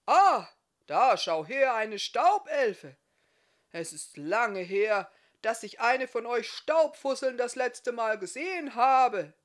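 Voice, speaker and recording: A woman voicing a big, gruff, half-deaf male blacksmith who shouts in a booming voice. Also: measured pace, close to an everyday voice. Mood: bellowing.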